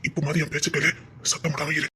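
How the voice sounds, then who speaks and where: Man playing a desperate lover, Tirunelveli accent, highish voice, shifts from hush to shout. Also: level tone, fast, husky, heavily acted. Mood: hushed pleading. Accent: Tirunelveli Tamil. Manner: swings from hushed pleading to shouting. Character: desperate young man pleading with his lover. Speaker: actor in a romance drama. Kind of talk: emotional drama acting.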